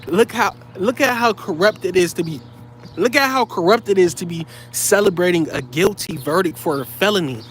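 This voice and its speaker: A man's voice: high voice, animated, normal speed, fairly bright tone, a little hiss or hum. A man delivering heated, profane commentary straight to his viewers, blunt and scolding.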